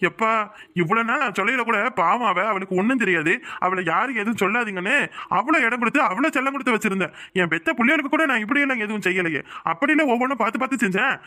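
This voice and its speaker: Brief: a betrayed cartoon head of the house, Kanyakumari Tamil accent, lecturing and bitter, very high and quick. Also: male voice, animated, pushed and bright, full character voice. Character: angry betrayed elder brother, middle-aged man. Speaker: head of the family. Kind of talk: cartoon voice acting.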